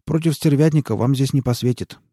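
A man's voice: mid-range voice, brisk, dark tone, slightly rough, no room sound, studio quality, pitched above the performer's own voice, natural voice. A man reading aloud and voicing a fawning, frightened male snitch who pleads and wheedles in folksy slang. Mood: wheedling.

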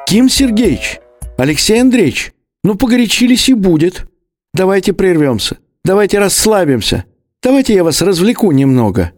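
A shrill, creaky old man. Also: big pitch swings, normal speed, a little mellow, dry recording, studio quality, soft background music. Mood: coaxing. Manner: frantic, fussy, ingratiating. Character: frightened old man pleading in a shrill falsetto.

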